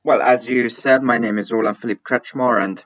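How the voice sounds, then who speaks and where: This podcast guest, a digital business executive from Switzerland in his forties, gives considered conversational answers and frequently repeats words as he searches for how to put things. He talks fairly quickly in a steady, fairly bright mid-range voice, with no echo but dull audio.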